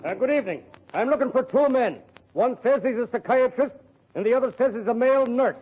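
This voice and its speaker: A man's voice: very high-pitched, a little fast, slightly rough. An actor playing a bossy male deputy from an asylum board in a 1940s radio comedy. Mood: officious. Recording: tinny old broadcast, loud hiss, audience.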